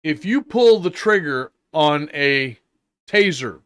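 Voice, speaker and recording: Slow-talking older man on a rant. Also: fairly high pitch, animated, fairly bright tone, clear, resonant tone. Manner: halting, deliberate, with drawn-out pauses; indignant, emphatic, repeating phrases. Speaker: vlogger giving his opinion. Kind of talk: unscripted opinion rant.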